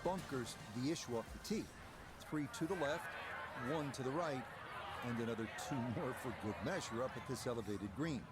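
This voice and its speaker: A man working as a golf commentator in a video game, giving measured, explanatory play-by-play of each shot and hole. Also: mid-range voice, over loud music, close to an everyday voice. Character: measured, knowledgeable male television golf commentator.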